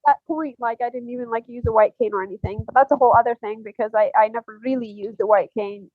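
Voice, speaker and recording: A woman's voice: a little high, steady tone, fast, dry recording, phone-quality sound. Hesitant young woman from Algeria. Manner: hesitant, many fillers and soft laughs. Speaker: podcast guest. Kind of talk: casual interview chat.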